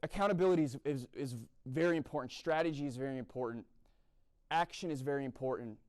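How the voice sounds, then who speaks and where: At a university chapel event, a young East Coast man gives a blunt sermon-like talk and keeps checking in with "right?". He talks fast in a medium-pitched voice that is clean and slightly mellow.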